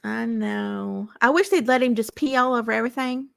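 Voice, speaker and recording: A woman's voice: a little high, moderate pace, vocal fry, smooth, dry recording. A woman calling into a live stream as a guest, chatting casually in a frank, reassuring way. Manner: reassuring, frank, gives opinions. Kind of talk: casual conversation.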